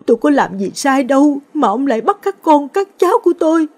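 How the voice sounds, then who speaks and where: A woman's voice: expressive, fairly quick, a little mellow. A woman voicing a wailing old grandmother. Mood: wailing grief. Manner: wailing, shrill lament. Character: grief-stricken old village grandmother, wailing and fierce.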